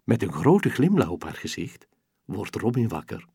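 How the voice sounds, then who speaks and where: A man narrating a children's bedtime story slowly and expressively. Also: lowish voice, creaky, breathy edge, no room sound, studio quality. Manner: slow, expressive, gentle storytelling.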